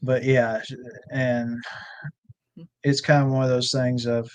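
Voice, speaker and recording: A man with a drawl spins a long, meandering story about his land. He talks in a loose, folksy way, full of "you know" and "uh", at an ordinary, middle pitch. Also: level tone, takes it slowly, darkish tone, clean tone. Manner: rambling, folksy storytelling with fillers. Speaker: ranch owner and guest. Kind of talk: casual storytelling chat.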